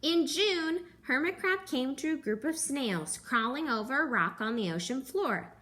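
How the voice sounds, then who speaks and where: Lively young woman reading a picture book. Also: sits high, a little slow. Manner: gentle, animated storytelling with gasps and character voices. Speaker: teacher. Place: living room at home.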